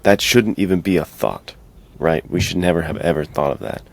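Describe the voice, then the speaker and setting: A man co-hosting a podcast chats casually in a laid-back, slangy manner. His voice sits low with vocal fry, sounding expressive at a normal speed.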